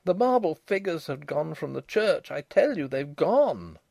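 A man voicing a shaken, proud gentleman in a dramatic story, with an urgent and proper manner. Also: mid-range voice, moderate pace, no echo, lightly acted. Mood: desperate. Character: agitated, frightened gentleman, proud but shaken. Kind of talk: dramatic audiobook dialogue.

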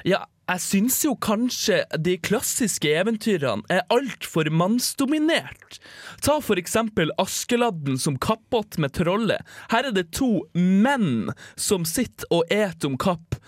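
A woman's voice: medium pitch, big pitch swings, dry recording, clean studio sound. A woman playing an earnest, self-important radio guest who lectures with hesitant fillers.

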